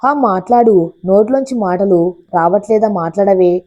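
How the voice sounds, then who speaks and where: A woman's voice: mid-range voice, normal speed, dull audio, lightly acted. A woman voicing a jealous, hot-tempered young man in a storybook reading. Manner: angry, forceful outbursts.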